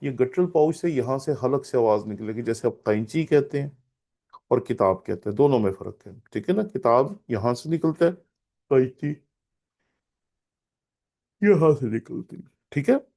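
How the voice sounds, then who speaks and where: An older man teaching a class, slowly reciting letters and vowel sounds and checking in with "theek hai na". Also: medium pitch, animated, gravelly, mellow. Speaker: Hebrew teacher. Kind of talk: classroom lesson.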